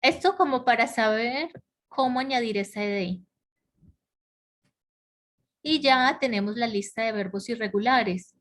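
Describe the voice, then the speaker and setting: A woman's voice: fairly high pitch, a little slow, pauses often, a bit bright. A woman teaching an English grammar lesson online, explaining rules step by step and often checking in with her students. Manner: explains step by step, checks understanding with frequent questions.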